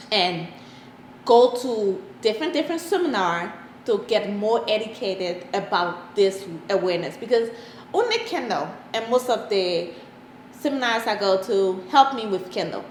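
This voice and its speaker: A woman's voice: medium pitch, animated, unhurried, echoey room, slight background noise, low-quality recording. A woman from Liberia with a Liberian accent, talking earnestly as a parent in an interview and repeating points for emphasis. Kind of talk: casual interview answers.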